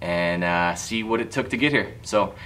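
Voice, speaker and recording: A man's voice: fairly low pitch, normal speed, fairly bright tone. A young man chatting casually to the camera in an informal, easygoing way as a vlogger. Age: young adult. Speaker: vlogger, automotive lighting shop owner. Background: music.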